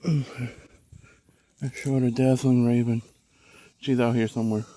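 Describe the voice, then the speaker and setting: A man's voice: mid-range voice, flat delivery, dark tone, no room sound. A man with audible heavy breathing, rambling casually to viewers as he films a vlog outdoors on his phone. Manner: unhurried, murmured remarks while walking around. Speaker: vlogger. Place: outdoors in a yard with cicadas. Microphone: handheld phone. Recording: outdoor phone recording, faint ambient noise. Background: faint outdoor ambience, cicadas.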